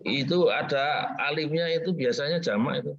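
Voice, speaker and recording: A man taking part as a student in an online class, speaking slowly while searching his book. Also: fairly high pitch. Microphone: video call. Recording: muffled video-call audio.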